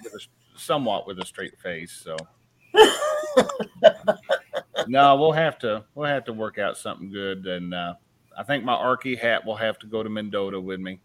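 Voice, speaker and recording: A man chatting on a live stream, laid-back and halting, with many fillers. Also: on the low side, a bit bright. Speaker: guest channel creator. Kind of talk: casual live stream chat.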